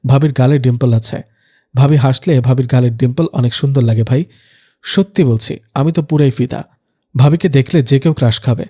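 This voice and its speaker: A man's voice: mid-range voice, lightly acted. A man voicing a talkative teenage younger sister who gushes, teases and takes offence easily in a spoken storybook. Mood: gushing. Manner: excited, gushing, quick to take offence.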